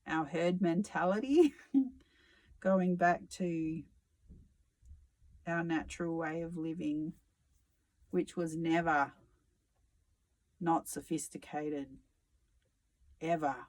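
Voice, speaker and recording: A tarot reader talks through a solo reading in a slow, unhurried way. The delivery is musing and reflective, with dry sarcasm and casual swearing, and the voice sits at a middling pitch. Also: fairly even intonation, darkish tone, rough recording.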